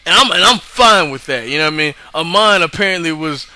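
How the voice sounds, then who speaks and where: A show reviewer with a highish, expressive voice talks fairly quickly in a pushed, bright tone. He recaps an episode in a rambling, slangy, profane way, swearing freely and often asking, "you know what I mean?"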